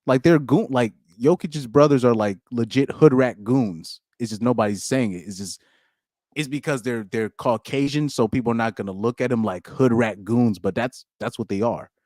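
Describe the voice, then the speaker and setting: A man's voice: medium pitch, normal speed, a little mellow, no room sound, clean studio sound. A young man hosting a live-streamed podcast in casual chat, reading out comments and rambling with slang and frequent restarts.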